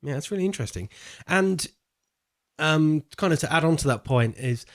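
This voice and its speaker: His voice leans high and expressive at a moderate pace. He co-hosts a podcast, thinking aloud in a casual, rambling conversation about films.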